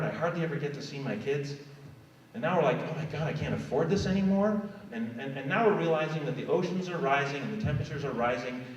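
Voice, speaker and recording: A man's voice: fairly high pitch, slight background noise. A middle-aged man giving a fervent, conversational conference talk. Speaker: keynote speaker. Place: large conference hall. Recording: echoey hall, far from mic, dull.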